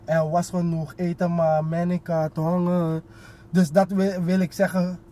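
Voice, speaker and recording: Young man, high voice, casual slangy chat, English phrases mixed in, repetitive fillers, car interior. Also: little pitch movement, a little slow, mellow, a little hiss or hum. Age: young adult. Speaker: rapper, guest. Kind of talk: casual chat, telling personal stories. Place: inside a parked car.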